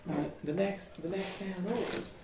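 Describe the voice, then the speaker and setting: A woman's voice: mid-range voice, fairly even intonation, moderate pace. A woman at a tabletop game, talking in character with a folksy put-on drawl, full of fillers and restarts, heard from a distance in an echoey, noisy room.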